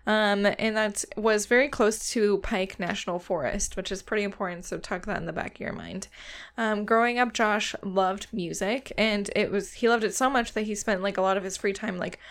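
A woman's voice: mid-range voice, moderate pace. A woman co-hosting a podcast, telling a true crime story in a loose, chatty way with lots of "like" and casual swearing. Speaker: podcast co-host.

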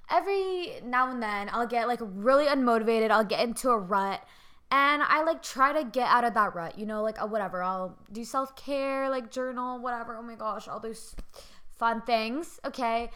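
A woman's voice: on the high side, lively intonation, moderate pace, fairly bright tone. A woman hosting a casual solo podcast from home, rambling with many fillers and restarts. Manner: rambling, filler-heavy, lots of "like". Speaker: podcast host. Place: home with family nearby.

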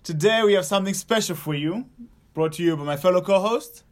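A man with a fairly high voice hosts a casual podcast chat. He opens the show with energy and teases his co-hosts in a playful way. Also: a little fast. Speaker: podcast co-host.

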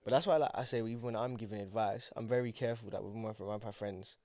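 Young london roadman bloke, lowish voice, close dry sound, slangy chat explaining stuff. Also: quick pace, darkish tone, no echo. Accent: London, urban roadman slang. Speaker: podcast co-host. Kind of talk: casual chat.

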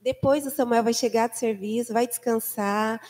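A woman's voice: on the high side, fairly even intonation, normal speed, a little mellow. A young adult woman giving a church testimony as a mother, telling her story with animation and acting out the voices of others. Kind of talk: personal testimony in conversation. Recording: long reverb of a large hall.

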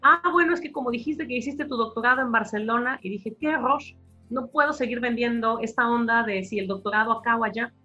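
A Mexican woman with a Mexican accent, an academic guest explaining her views in a lively conversational interview. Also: fairly high pitch, fast, lo-fi sound, faint music behind. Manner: animated explainer, acting out quoted voices.

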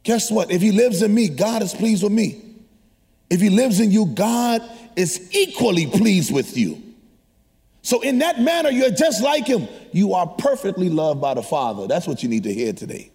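A man delivers a sermon in a high voice that rings through a large hall with long reverb. He is exhortative yet conversational, addressing his listeners directly and prompting them with questions. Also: a little mellow. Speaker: preacher. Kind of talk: energetic sermon to a congregation. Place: large hall, preaching to a live congregation.

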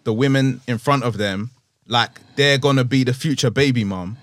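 A young man with a London accent giving measured advice in casual podcast chat, often ending on tag questions. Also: medium pitch, a bit bright, no echo. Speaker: podcast panellist.

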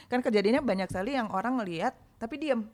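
A woman's voice: on the high side, fast, darkish tone. A woman performer chatting casually, telling candid stories with slang and fillers. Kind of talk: casual podcast chat.

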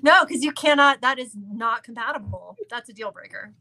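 A woman's voice: fairly high pitch, normal speed, sharp tone, low-quality recording. A woman from the American South, a podcast guest answering questions in a playful, emphatic, opinionated way. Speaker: podcast guest, business owner. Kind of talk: casual interview chat.

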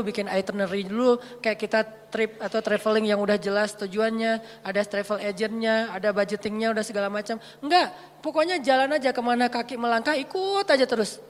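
A woman's voice: on the high side, steady tone, fairly quick, in a large hall. A woman preacher, telling a story playfully and acting out the dialogue with jokes. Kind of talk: storytelling sermon.

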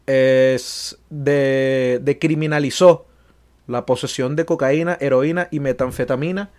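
A young man with a Venezuelan Spanish accent, co-hosting a casual podcast chat, animated and jokey, acting out quotes as he tells stories. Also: mid-range voice, a little slow. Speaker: podcast co-host.

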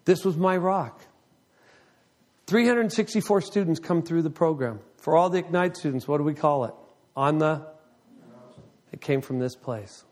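A man in his fifties giving an emotional testimony to his congregation as its ministry leader. He tells the story with great animation, and his voice surges high whenever he gets excited. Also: moderate pace, long pauses. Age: 50s.

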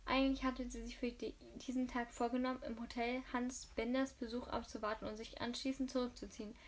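A woman's voice: on the high side, flat delivery, brisk. A woman reading a novel aloud who often stumbles and restarts her words. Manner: frequent slips and restarts. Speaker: audiobook reader.

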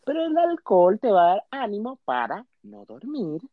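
A man co-hosts a comic podcast with a lively, swooping voice, full of theatrical mockery. He acts out other people's lines in exaggerated tones. The recording sounds dry and a little dull, with no room echo. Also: sits high, normal speed. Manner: theatrical, mocking, plays voices of others in quotes. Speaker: podcast co-host. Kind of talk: comic mock advice chat.

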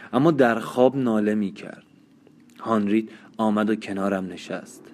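A man narrates a literary audiobook in a measured, sombre way. His voice sits somewhat low, and he lets pauses hang between phrases. The reading is steady and unhurried throughout.

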